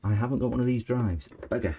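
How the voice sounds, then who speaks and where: While fixing a laptop, a man who hosts a repair channel chats casually with viewers in a live stream, chuckling and answering them as he works. His mid-range voice moves fast, and the muffled recording carries background noise.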